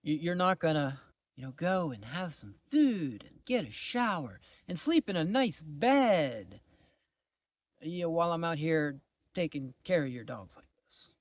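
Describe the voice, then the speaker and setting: Man, storytime vlog, lively swooping voice, slightly high, dead dry close mic, exasperated. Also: unhurried, dry recording. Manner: animated, exasperated storytelling, drops to low mutters. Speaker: vlogger. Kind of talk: casual storytime.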